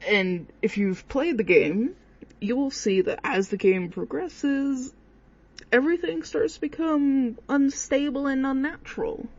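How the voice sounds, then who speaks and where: A video creator offers casual, hesitant and rambling commentary on horror games through a dull lo-fi microphone. The voice sits high, moves a little slowly and has a darkish tone.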